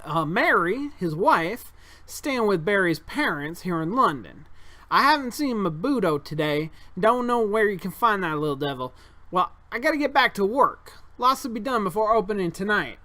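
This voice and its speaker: A man's voice: sits high, sing-song, slow pace, bright, forceful tone, voice pushed up, full character voice. A man reading a board game aloud, voicing a boastful middle-aged male circus owner in a folksy, bragging put-on accent.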